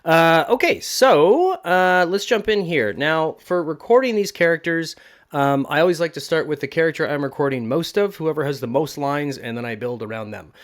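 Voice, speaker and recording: With a fairly high pitch, lively intonation and a moderate pace, a man who works as a voice actor runs a casual tutorial. He talks informally and pokes fun at himself now and then.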